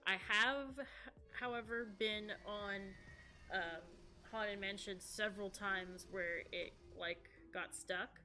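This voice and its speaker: A woman's voice: mid-range voice, slow pace, sharp tone, faint music behind. A woman in her thirties chatting casually on a live stream, answering viewers in a rambling, chatty way. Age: 30s. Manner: chatty, rambling, reading chat aloud.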